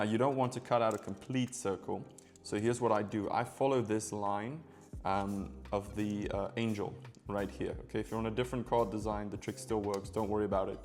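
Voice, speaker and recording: Low-voiced man doing chatty card magician patter. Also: level tone, moderate pace, a little mellow, faint music behind. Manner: casual, chatty, playful magician's patter addressed to viewers. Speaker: magician teaching a tutorial.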